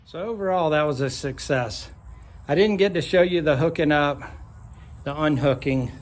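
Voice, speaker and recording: A man talking casually and matter-of-factly to viewers outdoors as he drives horses, in an unhurried way. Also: mid-range voice. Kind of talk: casual vlog talk. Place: outdoors, driving a horse team. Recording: very loud outdoor noise with clip-clopping hooves. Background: horse hooves, loud ambient noise.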